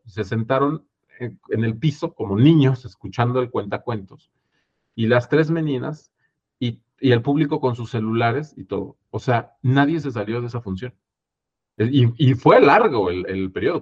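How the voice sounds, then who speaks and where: A man with a Mexican accent, a theater producer in a casual interview, telling stories lively with many fillers and tag questions. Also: medium pitch. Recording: dull lo-fi audio.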